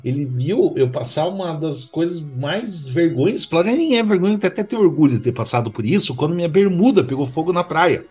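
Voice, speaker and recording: A man co-hosting a casual podcast, telling joking anecdotes in an animated way. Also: a little high, brisk, few pauses, husky, faint music behind. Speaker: podcast co-host. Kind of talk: casual chat.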